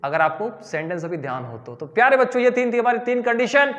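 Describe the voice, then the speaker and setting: High-voiced Indian man teaching English. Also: fast, fairly bright tone, long reverb tail, lo-fi sound. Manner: addresses viewers as dear children, drills sounds by repeating them. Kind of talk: spoken English lesson.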